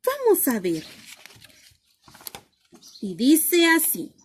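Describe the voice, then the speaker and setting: A woman's voice: sits high, wildly swooping pitch, drawn-out words. A woman reading a picture book aloud to children as a lesson, asking questions and then answering them herself.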